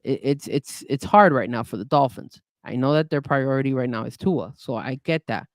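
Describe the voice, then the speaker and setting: Animated man with restarts. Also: mid-range voice, moderate pace, no room sound. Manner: animated, hedging, many restarts. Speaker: podcast co-host. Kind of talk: casual sports chat.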